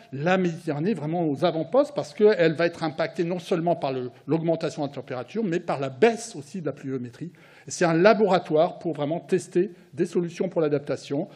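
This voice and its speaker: A man, a research unit director, giving conference closing remarks in a halting way, with many fillers and restarts and some light joking asides. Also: fairly high pitch, darkish tone.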